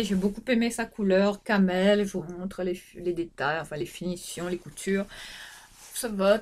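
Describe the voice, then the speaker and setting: Woman, middle-aged, casual haul vlog, rambling, fillers, restarts, mid-range pitch, camera mic at home. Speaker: fashion vlogger.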